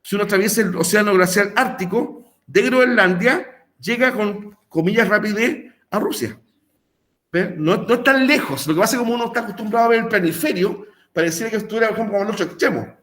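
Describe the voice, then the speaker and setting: Male teacher, high voice; chatty, filler-laden lecture delivery. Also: fast, a bit bright. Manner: rambling, filler-heavy, checks in with "¿verdad?" and "¿ya?". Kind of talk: recorded online class explanation.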